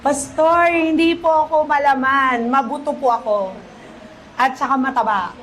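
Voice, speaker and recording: A woman pastor with a Filipino accent preaching a lively sermon, asking the congregation "Amen?" and quoting scripture in English. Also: sits high, a little slow, slight background noise. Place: church.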